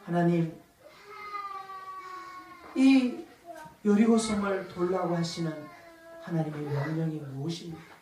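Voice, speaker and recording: A woman preaching a dramatic sermon, swinging from loud commands to hushed asides as she acts out voices. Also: lowish voice, a little slow, pauses often, slight background noise. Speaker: pastor. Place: church sanctuary. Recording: echoey church hall, mic far off.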